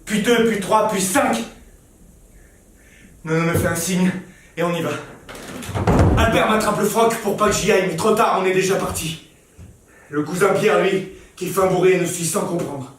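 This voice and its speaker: A rough-spoken young trench soldier tells his story in blunt slang, as an actor plays him. His voice rides high for a man. It sounds roomy and distant, as if picked up from far back in a theatre. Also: normal speed, long pauses, slight background noise, lightly acted. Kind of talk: stage reading of a war diary. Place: theatre stage.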